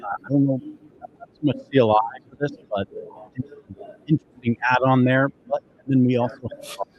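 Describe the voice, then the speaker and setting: A man's voice: mid-range voice, steady tone, moderate pace, lo-fi sound. A young man co-hosting a casual crypto show, talking loosely with many fillers and restarts. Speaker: co-host.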